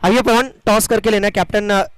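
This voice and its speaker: Male cricket commentator, strikingly high register, theatrical emphasis, dry sound. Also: steady tone, smooth, no echo. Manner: dramatic, flowery phrasing with drawn-out emphasis. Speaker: cricket commentator and match announcer.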